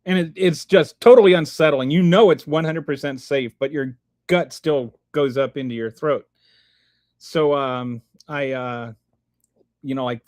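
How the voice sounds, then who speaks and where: A middle-aged man hosts a livestream, casually reading viewer comments and rambling with many restarts and fillers. His voice is mid-range with a darkish tone, in a dry, clean studio recording.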